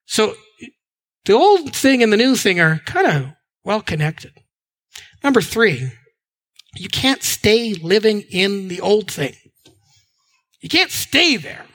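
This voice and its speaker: A man's voice: sits high, sing-song, slow, pauses often, fairly bright tone. A man preaching a sermon as a pastor, earnest, and now and then repeating words.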